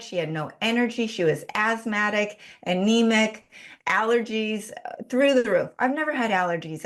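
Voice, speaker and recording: Earnest woman telling her story. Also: medium pitch. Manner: earnest, animated storytelling with many restarts. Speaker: podcast guest, health advocate. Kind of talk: personal story in an interview.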